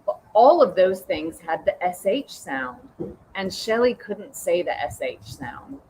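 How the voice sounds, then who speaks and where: Slow, expressive woman storyteller. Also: mid-range voice, a little hiss or hum, rough recording. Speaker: reader. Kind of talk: reading a children's book aloud.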